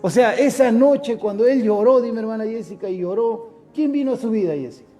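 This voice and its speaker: A man preaching a sermon as pastor, often stopping to ask listeners by name and slowing down to a soft voice to make his points. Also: high-pitched, music in the background. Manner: addresses listeners by name, asks many questions; slows down and drops to a soft voice for emphasis.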